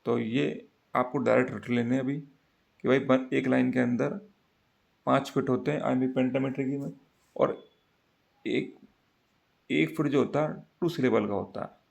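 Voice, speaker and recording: A man's voice: mid-range voice, steady tone, a little slow, pauses often, darkish tone. A man teaching an exam-prep lecture, explaining step by step and repeating key facts for students to memorize. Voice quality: gravelly.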